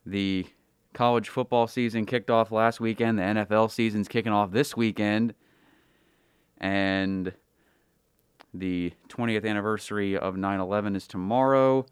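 A man's voice: fairly low pitch, steady tone, measured pace, clean tone, no room sound, studio quality. A man hosting a college radio sports show, speaking in a formal announcer style.

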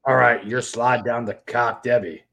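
A man's voice: mid-range voice, steady tone, unhurried, creaky, a bit bright. A man co-hosting a podcast, trading crude jokes in casual comedic banter. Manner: crude, playful, laughs easily. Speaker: podcast co-host.

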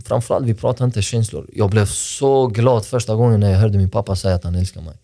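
Deep mellow guy on a podcast, earnest and thoughtful, dry sound. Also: steady tone, gravelly, dry recording. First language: not Swedish. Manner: earnest, reflective, halting with restarts. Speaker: podcast guest, sports director. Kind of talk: personal interview talk.

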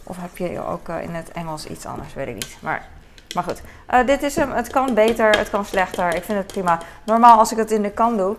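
A woman's voice: mid-range voice, lively intonation, brisk, slight background noise. A young woman chatting casually while cooking at home, rambling and laughing at herself, with many fillers and English phrases thrown in. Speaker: vlogger. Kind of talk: casual cooking vlog chat. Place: home kitchen.

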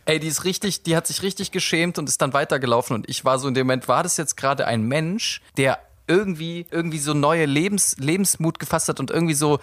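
Young guy rambling through a funny story, kinda high voice, dry mic, laughing a lot. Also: quick pace, few pauses, no room sound. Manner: animated, laughs often, acts out quoted people. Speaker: podcast co-host telling a story. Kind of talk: casual chat, storytelling.

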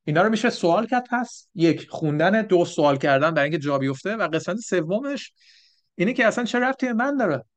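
A man's voice: sits high, expressive. A man leading a church Bible lesson, explaining step by step and often checking with the group. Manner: explanatory, asks the group questions. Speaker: Bible teacher. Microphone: microphone for an online stream.

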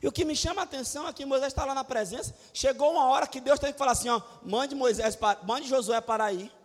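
A middle-aged man preaches a humorous, animated sermon. His voice sits very high, and he jumps into loud shouts and playful acted-out quotes. The long reverb of a church sanctuary surrounds every word. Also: fast. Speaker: pastor. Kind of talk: lively sermon.

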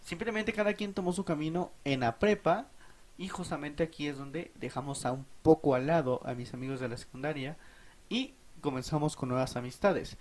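Young man, Mexican Spanish accent, slightly high voice, swears a lot, casual podcast storytelling. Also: moderate pace. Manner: profane, animated, laughing storyteller.

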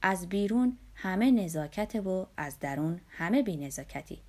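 A woman's voice: fairly low pitch, expressive, warm tone. A woman reading the lines of a cynical middle-aged male doctor in an audiobook, in a dry, lecturing manner. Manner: dry, lecturing, sweeping claims.

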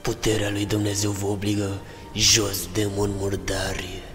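A grim exorcist priest, played by a man narrating a horror story, low and utterly flat as he hands down commands. He speaks with solemn authority while music plays under his lines. It is a horror audio drama. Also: close to an everyday voice. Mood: commanding.

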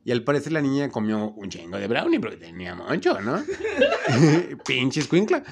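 A man's voice: mid-range voice, normal speed, vocal fry, a loud crowd. A young man with a Mexican accent telling funny stories in casual chat, laughing and acting out the voices. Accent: Mexican Spanish. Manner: animated, laughing, acts out voices in his stories.

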